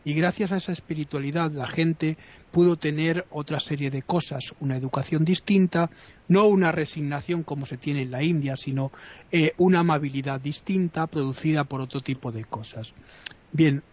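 A man from talks in a casual discussion, hesitating and restarting often. His voice sits slightly high, in a slightly muffled recording. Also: normal speed, a little mellow.

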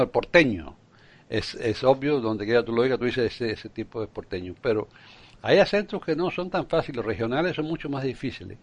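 A Cuban man co-hosting a podcast in casual chat, hesitant, with many fillers and restarts. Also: medium pitch. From Cuba. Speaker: podcast co-host.

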